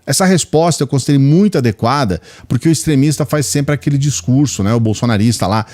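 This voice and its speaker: A man's voice: medium pitch, fast talker, darkish tone. A Brazilian man hosting a channel, giving casual, opinionated political commentary straight to his viewers in colloquial speech. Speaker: political video channel host.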